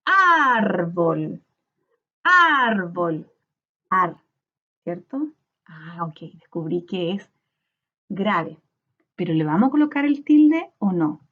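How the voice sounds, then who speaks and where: A woman teacher with a Chilean Spanish accent, giving a recorded lesson and sounding out syllables slowly. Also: on the low side, lively intonation, a little mellow, highs cut off. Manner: slow, sounds out syllables in a drawn-out voice.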